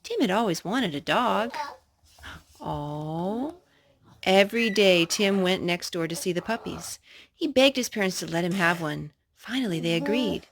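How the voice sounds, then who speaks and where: Her voice leaning low, a woman reads a storybook to a child in an animated storyteller style. She breaks in to explain parts and ask questions along the way.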